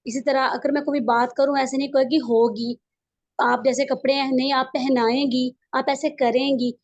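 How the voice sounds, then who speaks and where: A woman's voice: sits high, level tone, brisk, no echo, highs cut off. A mother asking for parenting advice, speaking hesitantly and explaining her concerns through examples. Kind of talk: questions in an advice session.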